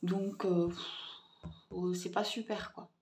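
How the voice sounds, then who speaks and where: A young adult woman from Tunisia, chatting casually in a haul video, pausing often and restarting her sentences. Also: fairly low pitch, little pitch movement, a little mellow. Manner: hesitant, many fillers and restarts, chatty. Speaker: vlogger.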